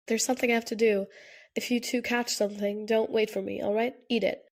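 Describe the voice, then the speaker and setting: A woman's voice: medium pitch, level tone, brisk, gravelly, lightly acted. A woman voicing a stubborn, protective young man in an audiobook, insistent and apologetic. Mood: determined.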